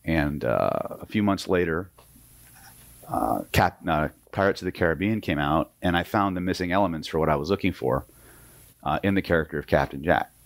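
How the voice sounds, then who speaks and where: Deep-voiced man lecturing a live seminar. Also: lively intonation, moderate pace, dry recording. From Oklahoma. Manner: emphatic, peppered with rhetorical "right?". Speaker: hypnosis instructor.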